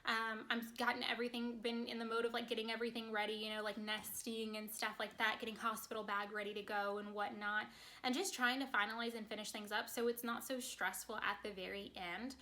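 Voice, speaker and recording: A woman talks to her viewers in a quick, chatty vlog, her voice a little raised in pitch and notably bright. She sounds congested and slightly out of breath as the words tumble out fast. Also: little pitch movement. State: short of breath. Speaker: vlogger. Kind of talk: casual chat to camera.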